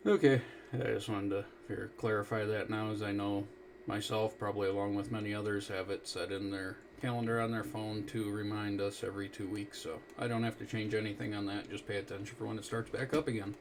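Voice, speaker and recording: A man's voice: lowish voice, level tone, brisk, few pauses. A man acting as net control, talking on an amateur radio net over a two-way radio. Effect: two-way radio transmission. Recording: noisy radio transmission.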